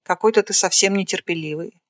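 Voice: medium pitch, brisk, no room sound, studio quality, lightly acted. A reader voicing a stern, bossy female nurse who barks orders in a commanding voice while reading a screenplay aloud.

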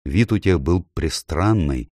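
Deep-voiced male audiobook narrator. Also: lively intonation, unhurried, darkish tone, dry recording, studio quality. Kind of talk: scripted storybook narration.

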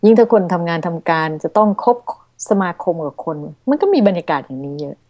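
A middle-aged woman hosting a Buddhist radio talk show, speaking politely and gently. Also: on the low side, very animated, fast, no echo. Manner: polite, gentle, deferential to the monk. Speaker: radio host. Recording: dry studio radio sound.

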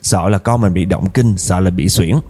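A man's voice: sits low, moderate pace, darkish tone, breathy edge. A man narrating a dramatic true story in the first person, talking directly to his listeners with emotion.

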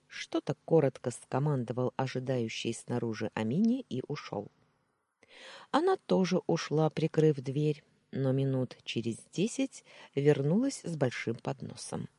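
A woman narrates a novel in the first person with a measured, expressive reading. Her voice is warm and husky, with lively pitch, and the recording is dry and close. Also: dry recording. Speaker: audiobook narrator.

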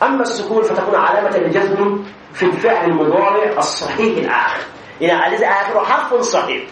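A high-pitched man teaching a grammar class, explaining patiently step by step and pausing to ask if the students follow. His voice rings in an echoey room with faint background hum.

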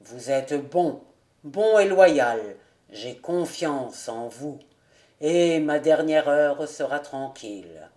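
A woman voicing a grave old male nobleman who speaks slowly and sadly for an audiobook. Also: deep voice, lively intonation, darkish tone, pitched below the performer's own voice. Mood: fervent. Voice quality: slow, sad, solemn delivery.

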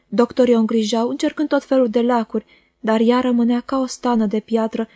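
A woman reading a classic novel aloud as an audiobook, in a measured and expressive manner. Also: on the high side, dry recording, studio quality. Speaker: audiobook reader. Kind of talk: literary audiobook narration.

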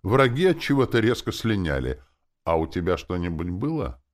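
A man's voice: low voice, sing-song, moderate pace. A man reading an audiobook, voicing a cheerful, wry female demon who smirks as she talks. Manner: glad, smirking.

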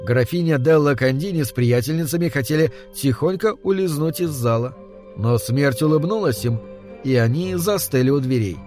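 Man calmly narrating a dark tale. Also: on the high side, soft background music. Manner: calm, measured storytelling. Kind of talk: storybook narration.

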